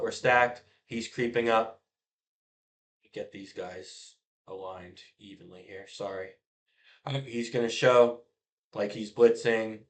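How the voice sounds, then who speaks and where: Middle aged guy coaching youth football, chill breakdown of plays, voice drops off at the ends. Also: medium pitch. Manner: casual, conversational, trails off quietly at phrase ends. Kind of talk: explaining plays over a diagram.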